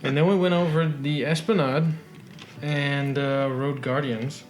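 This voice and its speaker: Relaxed man guest with faint music behind. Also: on the high side, a little slow. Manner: relaxed, reads from his notes. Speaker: podcast guest. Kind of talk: casual chat.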